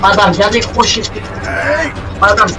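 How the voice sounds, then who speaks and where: A young man giving crude, excitable commentary while he plays a game, swearing often. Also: high voice, measured pace, distant mic, rough recording. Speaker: gaming video creator. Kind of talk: playing commentary. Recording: voice set back from the mic, game music behind.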